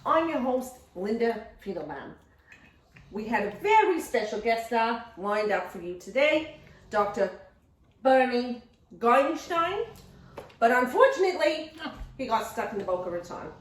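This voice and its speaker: A woman's voice: a little high, sing-song, measured pace. A woman playing a gushing, chatty talk show host who peppers her talk with Yiddish exclamations, in a comedic sketch for nurse education. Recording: roomy sound from a distant mic.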